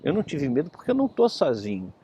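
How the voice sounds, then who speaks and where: A man doing a calm little boy. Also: on the high side, quick pace, slight background noise. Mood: calm, cheerful. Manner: gentle, trusting, cheerful.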